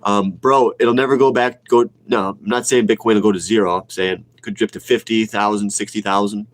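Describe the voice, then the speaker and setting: His voice is fairly low and steady, a little fast, as this forty-ish man with a cold chats on a livestream. He's a retail investor answering viewer comments, sniffling throughout. He comes across as blunt and opinionated, repeating points for emphasis.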